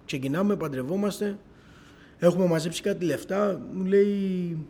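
A middle-aged man with a somewhat high voice tells his personal testimony to a congregation. He is an animated storyteller who keeps acting out quoted conversations. A faint hum of room noise sits under his voice. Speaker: church member giving a testimony.

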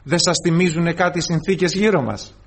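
A man preaching a sermon, addressing the congregation as brothers and acting out the voices in his stories. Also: a little high. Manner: storytelling, acts out quoted voices, addresses listeners as brothers.

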